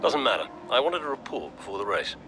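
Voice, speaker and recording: An actor playing a curt, dismissive team owner. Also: male voice, mid-range voice, big pitch swings, quick pace, noisy background, natural voice. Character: smug older male team owner on call.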